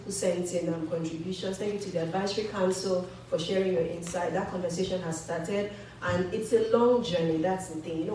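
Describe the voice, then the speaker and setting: A woman's voice: medium pitch, warm tone. A woman giving upbeat closing announcements at a student conference, coaxing the audience to take part. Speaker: student association leader giving closing remarks. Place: large echoey event hall. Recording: echoey hall from far off with faint noise.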